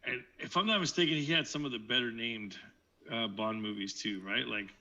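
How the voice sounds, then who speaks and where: A man in a casual podcast chat, telling jokes and telling stories in an animated way. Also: mid-range voice, fairly quick, highs cut off. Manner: joking, animated storyteller. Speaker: podcast co-host.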